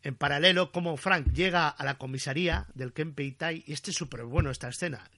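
Bright, animated man recapping. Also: on the high side, a little fast. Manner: animated storytelling, acting out quotes. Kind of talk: casual recap chat.

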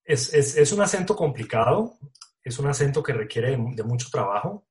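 A man's voice: medium pitch, big pitch swings, moderate pace, darkish tone. A man from Colombia, an actor talking casually in an interview, full of slang, fillers and restarts.

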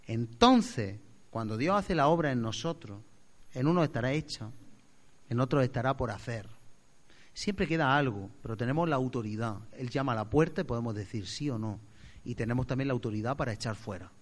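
Male pastor, mid-pitched, dramatic sermon delivery with loud and soft swings. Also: brisk. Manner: expressive, acts out voices, swings loud to soft.

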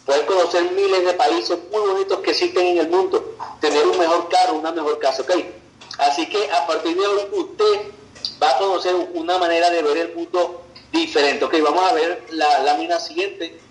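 A man's voice: a little high, fairly even intonation, moderate pace, roomy sound, slight background noise, low-quality recording. A man from Venezuela, giving an online business presentation in a persuasive way and often checking in with "ok" and "right". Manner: persuasive, tags sentences with "ok" and "verdad".

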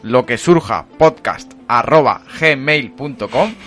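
Bright-voiced podcast host, laughing. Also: male voice, mid-range voice, expressive, slow pace, soft background music. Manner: laughs often, storytelling with fillers. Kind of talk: casual chat.

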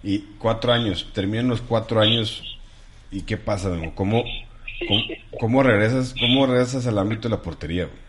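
A man hosting a casual interview, asking relaxed, slangy questions. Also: lowish voice, a little fast, slight background noise. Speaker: podcast host, interviewer.

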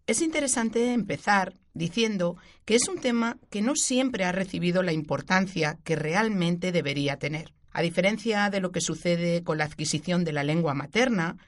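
A woman teacher, explaining a grammar point clearly and giving spoken examples on a radio show. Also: lowish voice, moderate pace, hardly any pauses. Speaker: Spanish language teacher.

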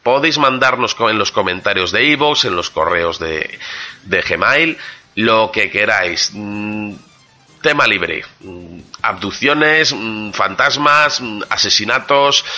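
A man's voice: fairly low pitch, bright, forceful tone. A man with an accent from Spain, hosting a podcast and chatting casually to listeners. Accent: Spanish from Spain. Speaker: podcast host.

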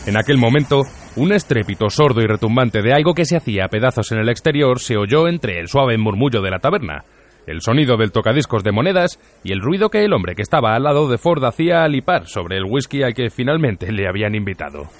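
A man reading a novel aloud as an audiobook narrator, expressive and measured. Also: medium pitch.

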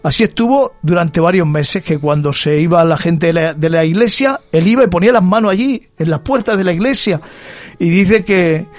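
A man's voice: high voice, animated, normal speed, no room sound, soft background music. A man from Spain, preaching a sermon. He tells a story and then builds to fervent, emphatic repetition.

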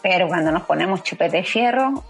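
A woman's voice: lowish voice, animated, a little fast. A gossipy, chatty celebrity lady, put on by a woman with a Chilean accent. She rambles playfully about her life, with faint music behind. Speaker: guest. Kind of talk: comedic impression.

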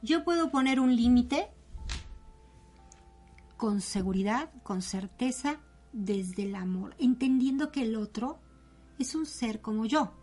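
A woman talks as a yoga teacher, slightly high-pitched and calm. She guides each step gently and plainly, like a patient instructor. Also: slow, pauses often. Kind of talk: guest explaining a breathing and chanting exercise.

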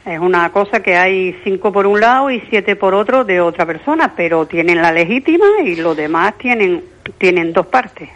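A woman's voice: lowish voice, moderate pace, a bit bright. An older woman calling in to a radio show over the phone, chatty and affectionate, hesitating with fillers as she asks her question. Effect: caller heard over a phone line. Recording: dull muffled phone line.

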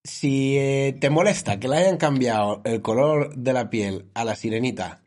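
Husky-voiced man, wry banter. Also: mid-range voice, lively intonation, a little slow, darkish tone. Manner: wry, joking, opinionated. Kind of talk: casual chat.

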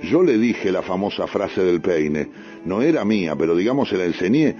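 A man with a Rioplatense accent reads a first-person story on the radio, unhurried and full of street slang. His voice is low and mellow. The sound is a dull radio broadcast with faint music underneath. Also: lively intonation. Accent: Rioplatense Spanish. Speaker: radio host reading a story.

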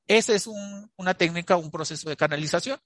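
A man's voice: high-pitched, brisk, a bit bright, no room sound. A man, a therapist recounting cases to an interviewer, telling them as stories full of fillers and restarts. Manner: storytelling with frequent fillers and restarts. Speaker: channeling therapist.

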